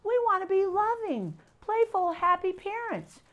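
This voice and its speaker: An older woman giving an animated training talk to parents, telling stories and acting out voices as she explains. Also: extremely high pitch, unhurried, dull audio. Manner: lively storyteller, acts out voices.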